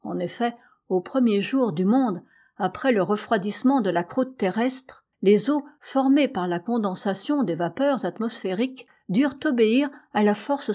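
A woman narrating a classic adventure novel as an audiobook, measured and expressive, with dramatic rises in her voice. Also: mid-range voice. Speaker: audiobook reader.

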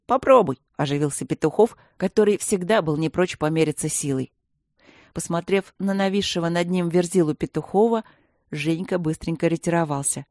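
A woman reading a children's story aloud in a lively, expressive way. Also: on the low side, normal speed, no room sound, clean studio sound. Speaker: narrator.

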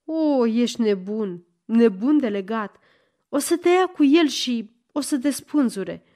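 A woman's voice: a little high, lively intonation, dark tone, close to an everyday voice. A woman reading an audiobook and voicing a frightened, impulsive young woman who speaks urgently. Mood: frantic.

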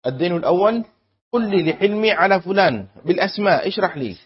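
A man teaching a class on Islamic law, quizzing students and repeating key terms slowly with emphasis. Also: high-pitched, lively intonation, breathy edge. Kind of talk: classroom lesson with student exercise. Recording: dull lo-fi classroom recording.

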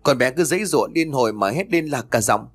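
A frantic village mother, her voice lifted high and breaking as she sobs and begs, played by a male storyteller. She pleads in a rushed, tearful way, swinging between cries and broken words in an audiobook. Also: lively intonation, fairly bright tone, slightly rough, faint music behind. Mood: shaken. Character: desperate grieving village mother.

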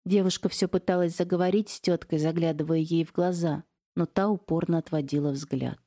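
A woman narrating a detective novel as an audiobook, calm, firm and measured. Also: on the low side.

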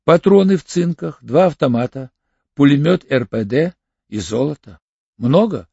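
A man's voice: fairly high pitch, animated, moderate pace, gravelly, warm tone, breathy edge, no room sound, full character voice. A male audiobook reader voicing a tired, cynical officer who talks in an offhand, slightly mocking way. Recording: dull lo-fi audiobook recording.

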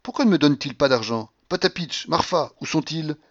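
A man reading a novel aloud, voicing an imperious, feverish old grandmother at the roulette table in a shrill, commanding voice. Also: expressive, a little fast, muffled recording.

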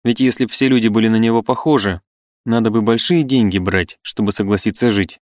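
A man's voice: on the low side, animated, a little fast, no echo, studio quality, close to an everyday voice. A man reading the part of an irritable older male cynic, mocking and exclamatory.

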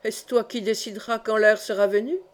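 A woman's voice: fairly high pitch, steady tone, fairly quick, natural voice. A woman reading aloud, voicing a young male poacher who talks through clenched teeth, tense and threatening. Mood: tense, scornful.

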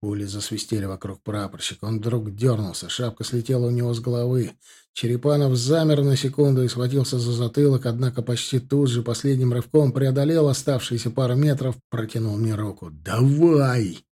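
In a mid-range voice with a breathy edge, a man reads a first-person novel aloud for an audiobook, steady and measured throughout.

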